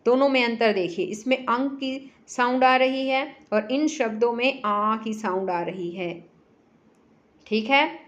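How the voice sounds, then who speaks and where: A woman's voice: on the high side, slow, a bit bright, dull audio. A woman teacher going through a workbook lesson for children, patiently breaking words into sounds and repeating them.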